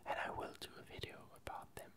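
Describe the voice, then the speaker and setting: This is a relaxed ASMR ramble on games and movies, delivered in a breathy, unvoiced whisper. The creator speaks slowly and haltingly, often searching for what to say.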